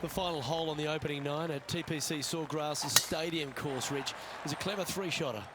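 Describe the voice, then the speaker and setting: A man giving golf commentary as lead announcer, in understated, measured remarks on play. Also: on the high side, loud music behind the voice.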